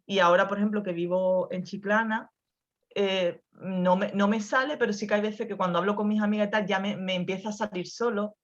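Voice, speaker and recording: A woman with a softened Andalusian accent, speaking reflectively on a video call, with many restarts and tag questions. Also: medium pitch, steady tone, a little fast, muffled recording. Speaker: guest author. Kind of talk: conversational talk over video call.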